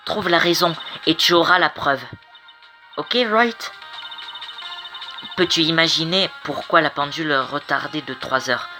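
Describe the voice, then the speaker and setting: A man's voice: a little high, unhurried, long pauses, music in the background, natural voice. A man putting on a firm female mentor. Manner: firm, coaching. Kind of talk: amateur game voice-over.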